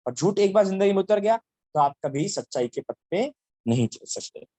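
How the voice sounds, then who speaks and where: A man telling a Buddhist Jataka story and its lesson to children, speaking haltingly with many fillers and restarts. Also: high-pitched, expressive, mellow, no echo. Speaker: Buddhist teacher.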